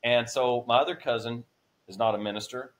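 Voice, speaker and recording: This man's voice is medium-pitched, steady, a little bright, and slightly fast. He's in his forties, appearing as a podcast guest to tell an earnest, emotional faith testimony in which his voice rises when he's moved.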